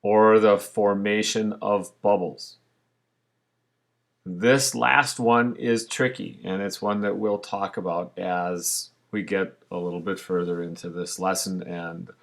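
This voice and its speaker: A man's voice: low-pitched, steady tone, takes it slowly, vocal fry. A male science teacher giving a recorded online lesson over slides, explaining patiently with frequent fillers.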